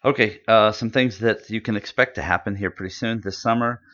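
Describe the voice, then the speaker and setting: Deep-voiced man chatting casually. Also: fairly even intonation, fairly quick, pushed and bright. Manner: rambling, enthusiastic, many fillers. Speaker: podcast co-host. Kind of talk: casual chat. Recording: dull lo-fi audio.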